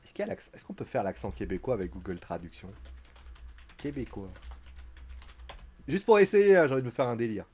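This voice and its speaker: A man's voice: mid-range voice, very animated, a little fast, long pauses, a little mellow, slight background noise. A man giving a casual live-stream recap of a wrestling show, chatty and joking, with theatrical asides to his viewers.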